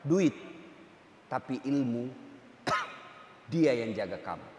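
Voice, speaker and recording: A man preaching a humorous sermon to a crowd, joking and swinging between loud and soft. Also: mid-range voice, animated, slow pace. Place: large hall with an audience. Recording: echoey hall, faint ambience.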